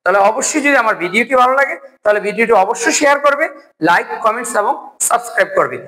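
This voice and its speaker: A man teaching a video lesson, who asks the class a question and answers it himself, and spells out word forms slowly one by one. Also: extremely high pitch, expressive, bright, forceful tone, poor audio. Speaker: English teacher.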